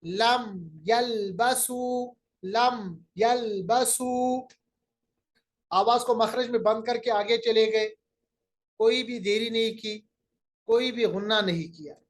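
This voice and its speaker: A woman teaching the rules of Quran recitation in a recorded lecture. She explains patiently step by step and draws out each example word slowly and clearly. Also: a little high, steady tone. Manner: patient, plain teaching tone with pauses and fillers.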